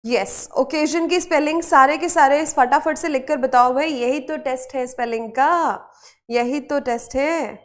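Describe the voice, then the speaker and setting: At a measured pace, a high-pitched woman leads an online class on spelling and vocabulary. Her Hindi is mixed with English words, and she nudges students by repeating both questions and answers.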